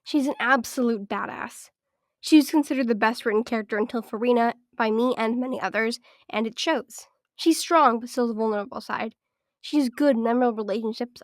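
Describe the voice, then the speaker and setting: A woman walks through a scripted video essay, evaluating things in an orderly, list-by-list structure. Her fairly high voice sounds raspy and congested because she is sick. The recording is dry and close, with no room sound.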